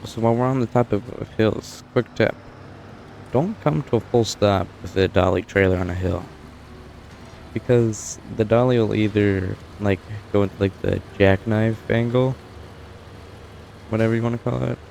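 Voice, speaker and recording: A man's voice: fairly low pitch, normal speed, creaky, a little mellow, slight background noise. A young man giving casual, rambling commentary while playing a truck-driving game, with dry asides and frequent self-corrections. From United States. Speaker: gameplay streamer. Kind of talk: casual let's-play commentary.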